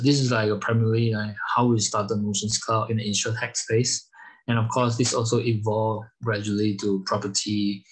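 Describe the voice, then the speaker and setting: A man from Malaysia, a startup founder, answering podcast interview questions in halting English with many fillers. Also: lowish voice, husky, rough recording. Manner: halting, many fillers, non-native phrasing. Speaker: guest, startup founder and CEO.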